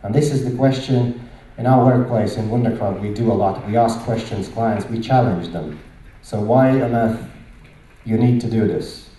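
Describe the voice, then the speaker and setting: A middle-aged Latvian man presents at a conference at normal speed, his lowish, dark voice shaped by a Latvian accent. He speaks in short, emphatic phrases punctuated by rhetorical questions, holding a microphone in a large indoor hall where heavy echo makes the sound distant.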